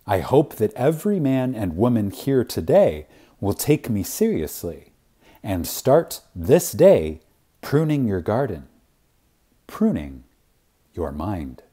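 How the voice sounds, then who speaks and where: A man reads an inspirational spiritual lecture aloud, reverent and dramatic, with long pauses and heavy emphasis. His voice sits on the low side, very animated yet mellow.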